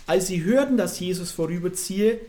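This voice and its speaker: A man preaching a sermon, swinging between loud fervent calls and quiet intimate asides, acting out voices as he preaches. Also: sits high, moderate pace. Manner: acts out quoted voices in his preaching.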